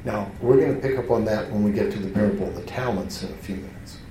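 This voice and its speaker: A man gives a classroom lecture in a relaxed, conversational way, restarting sentences and adding asides as he goes. His voice sits low and warm. He is picked up from across a reverberant hall, with faint room noise behind him. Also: fast. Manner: conversational, self-interrupting with restarts and fillers. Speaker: teacher. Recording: roomy hall, voice from far off.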